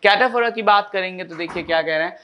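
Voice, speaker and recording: A man teaching literature, reading definitions slowly and explaining them in Hindi with frequent check-ins. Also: sits high, pushed and bright, slight background noise. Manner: reads English definitions slowly, then explains quickly in Hindi with frequent "ठीक है?". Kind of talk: Hindi-English classroom explanation.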